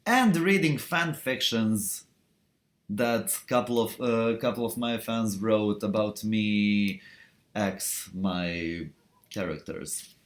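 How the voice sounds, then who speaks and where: A man's voice: on the low side, takes it slowly. A young man, chatting casually on a live stream and answering viewer questions, rambling with lots of fillers, restarts and laughs. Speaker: cosplayer hosting a live stream Q&A.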